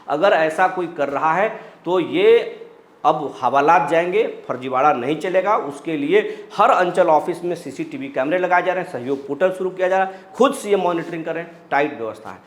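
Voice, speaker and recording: A male news channel host explaining a topic and reading viewer comments aloud in a reassuring, explanatory way. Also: fairly high pitch. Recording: roomy echo.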